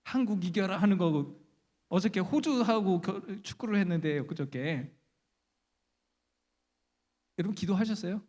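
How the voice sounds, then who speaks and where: A man's voice: high voice, measured pace, long pauses, darkish tone. Chatty male lecturer in a ringing chapel. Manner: chatty, asks the audience questions, humorous. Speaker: guest lecturer at a church Bible conference. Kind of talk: conversational Bible lecture. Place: large church chapel. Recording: reverberant church chapel.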